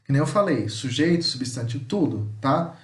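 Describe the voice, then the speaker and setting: A man's voice: medium pitch, lively intonation, moderate pace, far from the mic. A man with a Brazilian Portuguese accent teaching an online language lesson. He explains in a chatty, corrective way and ends nearly every phrase with a checking "tá?". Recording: roomy echo.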